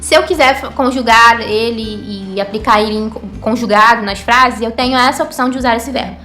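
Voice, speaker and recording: Woman, Brazilian Portuguese accent, language teacher, patient explaining, frequent check-ins, slightly high voice, soft music behind. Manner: explanatory, fillers like "tá?" and "né?", repeats words slowly. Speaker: Hebrew teacher. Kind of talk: online language lesson.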